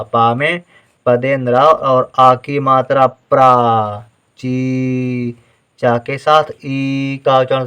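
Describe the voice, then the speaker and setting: A man's voice: medium pitch, a bit bright, smooth. A man teaching Hindi writing in a patient, step-by-step spelling lesson, sounding out each syllable and checking in with "theek hai" as he goes.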